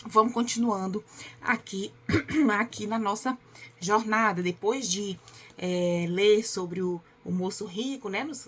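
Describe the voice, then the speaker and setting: A woman leads a devotional Bible reading in a chatty, conversational tone. Her voice is husky and sits at a middle pitch. She often pauses to ask for agreement. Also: pushed and bright. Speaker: Bible teacher.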